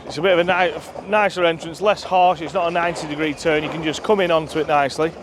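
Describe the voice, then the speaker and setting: A man's high-side voice comes through quick and steady over background noise. He walks a filming companion through his shooting ground and then a clubhouse, chatting enthusiastically with lots of ums, slightly winded from going uphill; the companion holds the camera.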